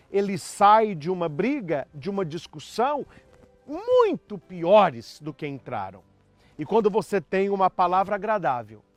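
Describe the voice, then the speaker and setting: A man preaching with a high, lively voice that leaps up and down as he drives his points home. He is recorded close and dry, with faint music under him. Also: dry recording. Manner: emphatic, animated preaching with acted quotes. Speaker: priest. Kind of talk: sermon on marriage.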